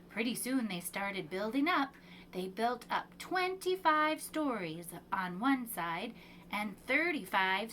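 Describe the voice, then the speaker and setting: With measured, expressive delivery and emphatic pauses, a preschool storyteller reads a picture book to children. She has a mid-range voice, and a little hiss or hum sits under the recording.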